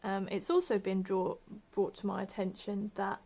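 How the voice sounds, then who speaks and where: With a warm, medium-pitched voice that barely moves in pitch, a woman chats her way through a crochet tutorial at home at a moderate pace. She pokes fun at herself, goes quiet and murmurs while working, and mentions she's put on her posh telephone voice.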